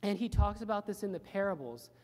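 A man's voice: high-pitched, animated, fast talker, a little mellow. A male pastor giving an earnest, plain-spoken sermon in a church, repeating phrases for emphasis. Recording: reverberant church hall.

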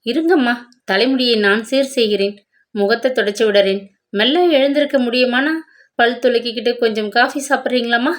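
A woman's voice: on the high side, fairly quick, close to an everyday voice. A woman voicing a caring, anxious female village maid who fusses over her mistress. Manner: fussing, solicitous.

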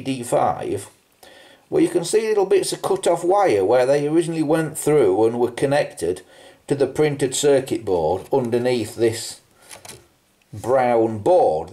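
The mellow, medium-pitched voice belongs to a British man presenting a vintage telephone video. He improvises a hands-on show-and-tell, musing and tossing out rhetorical questions.

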